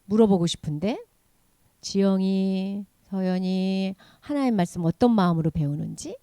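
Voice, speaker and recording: A woman giving a children's sermon, animated, asking the children questions and acting out the story. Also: medium pitch, dry recording, clean studio sound. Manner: animated, asks children questions, acts out quotes. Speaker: children's ministry preacher.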